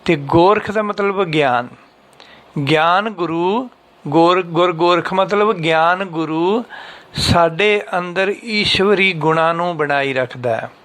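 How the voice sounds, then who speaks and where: A man gives a patient scripture lesson, explaining meanings and slowly chanting lines to show where the pauses fall. His voice sits a little high for a man. It is smooth and clear. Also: fairly bright tone. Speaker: teacher of scripture recitation.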